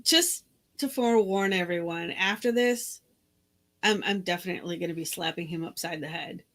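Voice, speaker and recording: A woman's voice: fairly low pitch, normal speed, fairly bright tone. A woman co-hosting a casual podcast, amused and giggling at her partner's jokes. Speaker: co-host.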